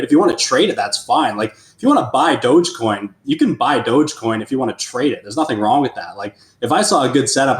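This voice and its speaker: A man co-hosting a finance podcast, chatting casually with many fillers. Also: medium pitch. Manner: loose, filler-heavy talk. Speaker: podcast co-host. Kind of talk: casual chat. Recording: roomy echo.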